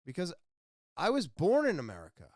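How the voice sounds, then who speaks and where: A man hosting his own podcast, delivering an impassioned solo opinion monologue that swings between ranting and quiet somber talk. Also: on the high side, huge pitch swings, a little fast, dry recording, studio quality. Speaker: podcast host.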